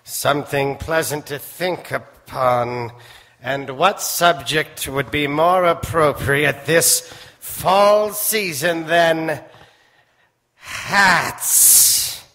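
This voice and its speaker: An actor playing a macabre doctor who hosts and narrates old-time radio horror, in a theatrical, ominous manner. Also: male voice, a little high, extremely slow, bright, forceful tone, full character voice. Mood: slyly courteous. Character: macabre, leisurely male doctor telling eerie tales. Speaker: host and narrator. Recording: echoey theater stage, organ music behind. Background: organ music.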